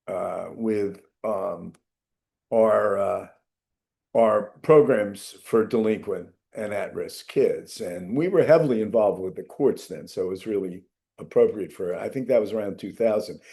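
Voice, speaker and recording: A man with a mellow, warm voice tells an informal story, rambling a little and filling his pauses with ums and uhs. His pitch sits in the middle range. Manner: rambling with many fillers. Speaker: program director recalling a colleague. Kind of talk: casual storytelling.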